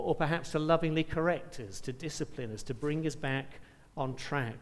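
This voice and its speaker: A man's voice: fairly high pitch, in a large hall. A man preaching a sermon, reading scripture aloud with rising emphasis and asking rhetorical questions.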